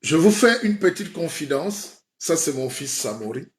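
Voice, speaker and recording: A man's voice: on the high side, very animated, normal speed. Playful man in a mock sermon. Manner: playful, rhetorical, keeps asking "hein?". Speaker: comedic self-styled spiritual guide. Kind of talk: mock sermon on a live stream.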